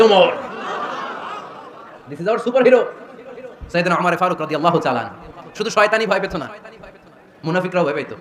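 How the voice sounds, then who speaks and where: A middle-aged man preaching a lively waz sermon, acting out voices and quizzing the crowd. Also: echoey room. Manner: animated storytelling, asks the crowd questions; acts out quoted voices in a louder, higher pitch.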